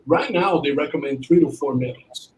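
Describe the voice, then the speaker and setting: A man's voice: a little high, normal speed, darkish tone, rough recording. A male admissions consultant, a podcast guest, giving advice in a rambling way, with frequent restarts and "you know"s.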